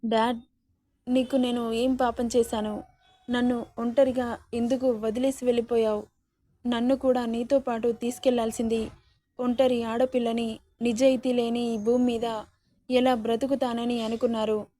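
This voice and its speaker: A young woman mourning her father pours out a tearful, pleading lament, as a woman reads her lines. The voice sits a little high and mellow. It sounds dry and close. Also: little pitch movement, moderate pace, no echo, close to an everyday voice. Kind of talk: dramatic story reading.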